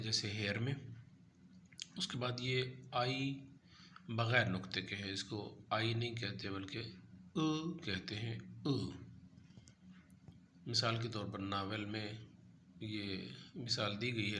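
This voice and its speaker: A man gives a patient lesson and spells each letter out carefully. He talks slowly in a lowish, bright voice. Faint noise hums behind him. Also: steady tone. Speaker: language teacher. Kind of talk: lesson narration over a chart.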